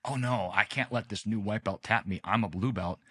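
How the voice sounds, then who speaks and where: A man in his late thirties, a podcast guest telling stories in a relaxed, unhurried way with many restarts. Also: fairly low pitch, husky. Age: late 30s. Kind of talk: casual storytelling interview.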